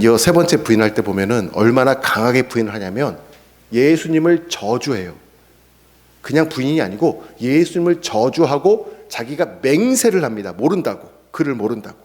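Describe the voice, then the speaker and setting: A man's voice: medium pitch, brisk. A male pastor preaching an expository sermon, acting out the scripture voices. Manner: animated, acts out scripture quotes. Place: church sanctuary. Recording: echoey church hall.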